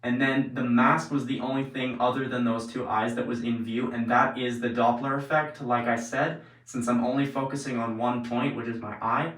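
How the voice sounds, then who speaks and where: Filmed indoors and then in an echoey bathroom, the host of an experiment vlog series chats informally as he explains, leaning on "like" and "basically." His medium-pitched, fairly bright voice moves at a moderate pace with fairly even intonation and hardly any pauses, heard through a distant mic with roomy echo.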